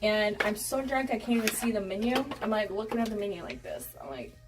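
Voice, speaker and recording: Brief: young adult American woman, candid casual vlogger storyteller, middle-pitched, recorded at a distance with music behind. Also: fast talker. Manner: candid, giggly, swearing freely, acts out quoted dialogue. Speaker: beauty vlogger.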